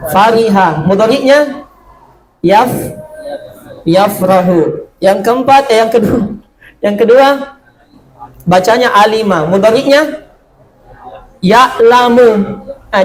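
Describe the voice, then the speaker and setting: High-voiced man teaching Arabic verb patterns. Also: poor audio. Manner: drills verb patterns, asks and answers his own questions; slow, drawn-out reading of Arabic words. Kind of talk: classroom lesson.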